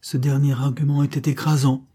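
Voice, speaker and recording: A man narrating a classic adventure novel as an audiobook in a measured, dramatic way. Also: medium pitch, level tone, warm tone, breathy edge.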